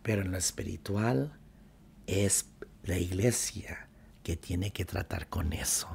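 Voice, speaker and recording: A man's voice: low voice, slow pace, creaky, darkish tone, a little hiss or hum. A man who hosts a church program, preaching fervently and speaking directly to his viewers. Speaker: pastor and show host. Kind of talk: sermon.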